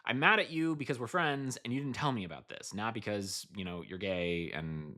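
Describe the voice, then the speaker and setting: A man voicing an upset male hockey teammate who is also a friend, speaking bluntly in his own bright voice. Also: lowish voice, moderate pace.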